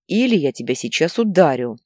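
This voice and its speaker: Woman voicing a furious shouting husband. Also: low-pitched, very animated, brisk, no room sound, clean studio sound. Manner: shouting, harsh. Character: angry exhausted husband and father, adult man.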